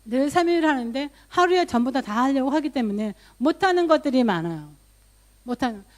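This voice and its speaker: Korean woman pastor preaching, raised pitch. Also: animated, a little fast. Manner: conversational storytelling, voice rising for quoted prayers; mixes English loanwords into speech. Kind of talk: sermon.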